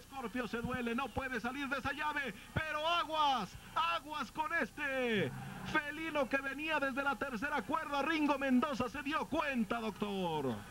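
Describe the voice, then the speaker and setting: A man with a Mexican accent giving excited, colorful play-by-play commentary on a wrestling match. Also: very high voice, unhurried, slight background noise. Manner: colorful, dramatic calls.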